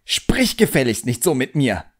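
A man reading an audiobook, voicing an agitated young apprentice magician boy who shouts indignantly. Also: mid-range voice, sing-song, moderate pace, voice pushed up. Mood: angry.

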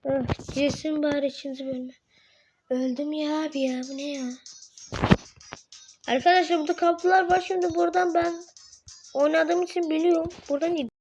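A woman hosting a gaming channel, giving casual game commentary with panicky exclamations and rapid repeated words. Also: sits high, steady tone. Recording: dull lo-fi with music behind. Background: background music.

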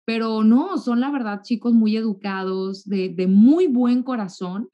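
Northern Mexican woman, 30s, relaxed chatty guest on a webcam call. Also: a little high, measured pace, highs cut off. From Mexico, raised in Monterrey. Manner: warm chatty, repeats words when restarting. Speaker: guest, TV journalist. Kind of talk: casual interview chat. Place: home room, indoors. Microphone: video call webcam.

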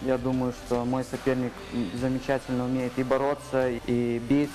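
A male fighter speaks in a pre-fight interview with a flat, even intonation. Music plays clearly behind his mid-pitched voice. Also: moderate pace, low-quality recording. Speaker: MMA fighter.

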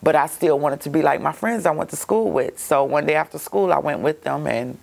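A woman's voice: low-pitched, brisk, vocal fry, darkish tone. A middle-aged woman giving an interview testimony, telling her story steadily and reflectively with frequent ums.

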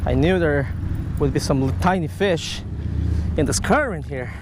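With a slightly high voice at a measured pace, this fishing vlogger chatters excitably to the fish and his audience outdoors at a creek beneath a stone bridge. A chest-mounted action camera records him, and there's background noise.

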